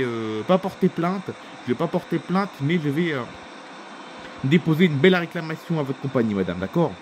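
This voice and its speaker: Man doing irate passenger, stubborn and repetitive, higher pitch, noisy home recording. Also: lightly acted. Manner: indignant, repeats himself.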